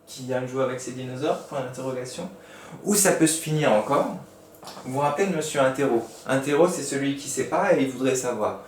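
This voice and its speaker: A man teaching young pupils a recorded grammar lesson in speech, patient and slow, spelling out each step. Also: mid-range voice, a little hiss or hum. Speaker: primary school teacher. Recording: echoey room, mic at a distance.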